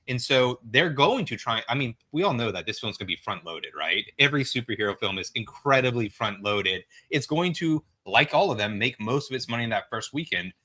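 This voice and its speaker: A man appearing as a podcast guest, arguing fast in casual chat with lots of fillers. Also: medium pitch, pushed and bright.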